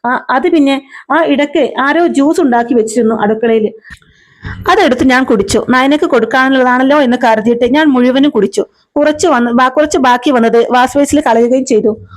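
A woman reads out a defiant young wife who snaps back at her family. The voice sits high, and the lines come plainly rather than fully acted. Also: a little fast, lightly acted. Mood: defensive. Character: sulky young woman, sharp-tongued and defiant.

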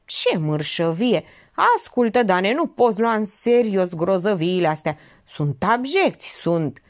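A woman's voice: medium pitch, expressive, darkish tone, close to an everyday voice. A woman voicing a cool, scornful woman pianist with a dry, ironic manner.

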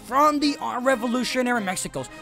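Lively, gravelly young man announcing. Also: quick pace, over music. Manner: theatrical, booming hype announcer. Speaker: event announcer. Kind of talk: mock-grand arena announcing.

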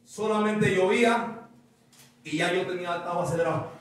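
Man, pastor, animated sermon storytelling, high voice, very echoey distant hall. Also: normal speed. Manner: animated storytelling with a stammer imitation and laughter. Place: church sanctuary. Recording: echoey church hall from far off.

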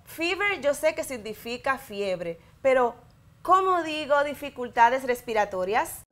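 Speaking in a high, very animated and slightly bright voice, a Dominican woman in her thirties leads a televised English class for schoolchildren. With her Dominican Spanish accent, she explains slowly and clearly in both languages, modelling sentences for the children to repeat.

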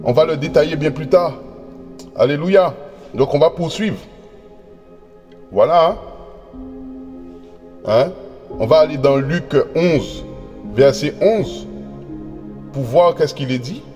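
A man preaching a sermon, reading scripture slowly and often stumbling over repeated words and fillers as he addresses his brothers and sisters. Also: fairly high pitch, expressive, darkish tone, long reverb tail, muffled recording, faint music behind. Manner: reads verses slowly and deliberately.

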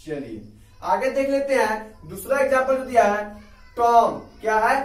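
A man with an Indian accent gives an English lesson, asking questions and then answering them himself. His voice sits high. The sound is echoey and a bit distant from the mic. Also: lively intonation, a little slow. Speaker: English teacher. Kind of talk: video lesson.

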